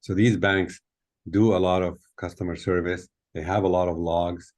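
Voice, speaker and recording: A man's voice: deep voice, little pitch movement, normal speed, darkish tone. An older man born in Tunisia, explaining things thoughtfully with many fillers as a guest speaker on a video call from a hotel room. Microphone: laptop webcam on video call.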